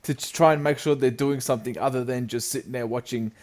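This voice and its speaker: A man's voice: mid-range voice, fairly even intonation, fast, a little mellow. Chatty rambling male podcast co-host. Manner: rambling, self-deprecating, frequent restarts. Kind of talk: casual chat.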